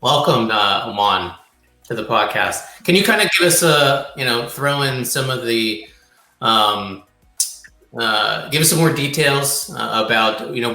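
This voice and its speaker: An American man co-hosts a podcast, reading out a guest introduction and then interviewing the guest. His medium-pitched voice is bright and forceful, and the recording has a roomy, echoing sound.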